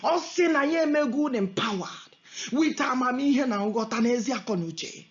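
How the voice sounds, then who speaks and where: Her voice high and lively, a bit quick, a woman with a Nigerian Igbo accent preaches and prays with prophetic fervor. She repeats herself emphatically and shifts among Igbo, English and Pidgin, all on dull, lo-fi audio.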